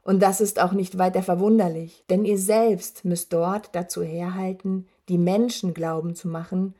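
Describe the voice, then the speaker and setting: A woman's voice: lowish voice, steady tone, normal speed, warm tone. A woman voicing a huge, dying male werewolf who taunts with a rattling, wheezing voice. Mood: gloating menace. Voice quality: rattling, rasping voice. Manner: taunting, gloating. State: wheezing, labored breath.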